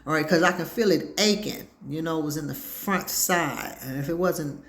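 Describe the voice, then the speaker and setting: A woman with a low, slightly bright voice hosts her own talk show at a moderate pace, spinning rambling stories in casual conversation. She's a chatty storyteller who acts out the dialogue people said.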